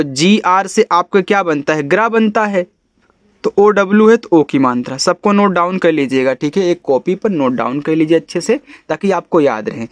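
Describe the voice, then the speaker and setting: A man teaching an English reading lesson, who spells out each letter slowly and then says the whole word lower and softer, checking in with his students. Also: no echo, clean studio sound. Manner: coaxing, checks in with "ठीक है?". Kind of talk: step-by-step phonics lesson.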